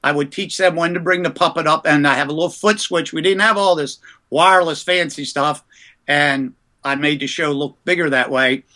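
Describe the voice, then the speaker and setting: A man with a bright, forceful voice spins lively anecdotes in a relaxed interview. He talks a little higher than most men. He is a ventriloquist from the US East Coast recalling his start in show business. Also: normal speed. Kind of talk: casual storytelling interview.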